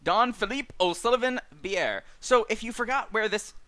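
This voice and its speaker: A man's voice: high-pitched, clean tone. A man hosting a streamed book club, reading a list of names and chatting casually with lots of fillers and dry asides. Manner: lively, halting with many fillers, dry asides. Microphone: streaming mic.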